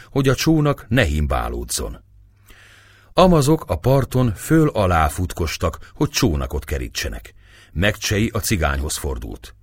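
A man narrating an adventure novel as an audiobook, with expressive storytelling delivery. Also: low voice, no room sound. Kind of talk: dramatic novel reading.

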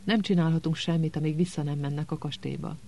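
Egy férfi hangján izgatott diáklány, aki suttogva sürget. Feszülten, zaklatottan szól. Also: male voice, a little high, fairly even intonation, gravelly, a little mellow. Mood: anxious. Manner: urgent, flustered. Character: anxious clever teenage girl.

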